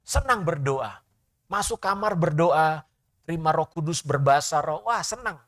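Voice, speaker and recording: A man preaching a sermon as pastor, swinging between loud bursts and soft asides and questioning the congregation directly. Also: on the high side, animated, normal speed.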